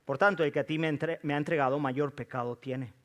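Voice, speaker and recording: A man reading the lines of a calm, solemn figure in a lowered, quiet voice. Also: a little fast, lightly acted.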